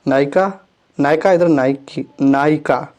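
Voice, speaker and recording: Guy teaching spelling, says every word twice, slow and careful, voice a bit high. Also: a little mellow. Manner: repeats each word twice, slow and deliberate, self-correcting. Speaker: Hindi grammar teacher. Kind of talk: exam-prep lesson, reading word lists.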